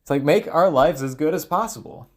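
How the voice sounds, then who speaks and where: He speaks briskly in a slightly high voice, a solo audio logger working through thoughts in a rambling monologue. Pauses and unfinished phrases pop up as he looks for what to say.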